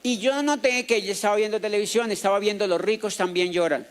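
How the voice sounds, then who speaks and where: A man's voice: high-pitched, fast talker, clean tone. A man with a Colombian accent speaking as a motivational speaker, telling a story to a live audience and acting out the people in it, with jokes. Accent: Colombian Spanish. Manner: lively storyteller who acts out the people in his story, joking with the crowd. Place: auditorium.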